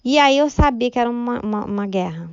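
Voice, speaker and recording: A woman's voice: on the high side, lively intonation, quick pace, a little mellow, clear, resonant tone, no room sound, dull audio. A woman gives a church testimony in a chatty, emotional storytelling manner, often turning to her listeners for agreement. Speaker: church member giving testimony. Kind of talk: spoken religious testimony.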